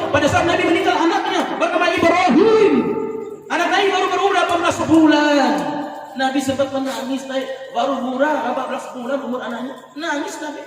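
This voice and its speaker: Man, preacher, sermon at a funeral gathering, loud chanted verses, low murmured asides, very high voice, far from the mic. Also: a little hiss or hum. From Indonesia. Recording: echoey hall from far off, faint ambience.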